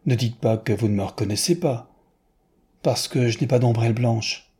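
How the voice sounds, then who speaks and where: A man voicing a calm, wealthy American traveller in his thirties who speaks plainly and quietly. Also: mid-range voice, normal speed, husky. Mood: teasing.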